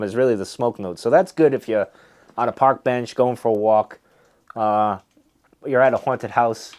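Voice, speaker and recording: A man's voice: fairly low pitch, darkish tone. A man giving a casual, rambling review to viewers, thinking aloud in a hesitant, musing way. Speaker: pipe tobacco reviewer hosting a video.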